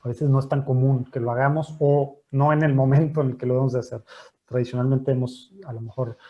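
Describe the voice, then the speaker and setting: A man, hosting a panel over a video call in a joking, lively way and often repeating his words. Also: medium pitch, a little fast, muffled recording. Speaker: host and moderator of a panel.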